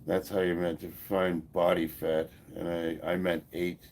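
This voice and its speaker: Here a fiftysomething American man, a powerlifter hosting a casual livestream, responds to viewer comments bluntly and swears a bit. His low, darkish voice barely moves in pitch and keeps a moderate pace, and he sounds stuffed up from a cold.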